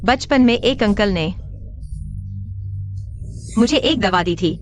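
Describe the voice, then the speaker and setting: A woman dubbing a caring young woman in a drama, with a soft, concerned manner. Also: on the high side, animated, slow pace, faint music behind. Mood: tender. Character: gentle, caring young woman, the hero's fiancée. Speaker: dubbing actor. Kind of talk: dubbed drama acting.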